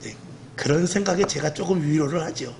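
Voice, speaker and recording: In a very noisy recording, a middle-aged man who is a pastor gives an animated evening sermon. His earthy, rough voice runs a little high and fairly fast as he performs quoted speech with humor aimed at himself.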